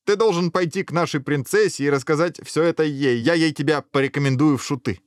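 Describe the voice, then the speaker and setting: A boisterous storybook guard who finds everything hilarious, as a man acts him out. The voice jumps well above the narrator's own pitch, loud and merry, in a dry close recording. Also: sing-song, normal speed, dry recording. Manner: boisterous, guffawing. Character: jolly, loud male guard, always laughing.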